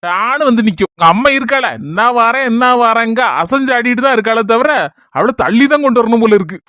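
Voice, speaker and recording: A man's voice: very high-pitched, quick pace, sharp tone, dry recording, studio quality. A man with a Kanyakumari Tamil accent playing a bossy middle-aged husband who scolds and gives orders in a family comedy skit. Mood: scolding.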